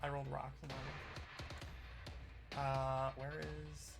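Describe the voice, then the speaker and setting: A man running a tabletop game as game master, giving brisk, matter-of-fact rulings. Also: medium pitch, monotone, vocal fry. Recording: music playing behind. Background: background music.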